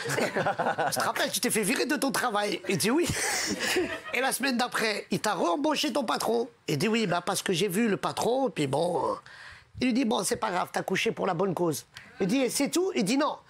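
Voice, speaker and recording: A man performing jokes on a comedy show slips into distinct voices for each character with lively energy. He speaks at normal speed in a high, gravelly voice with a breathy edge.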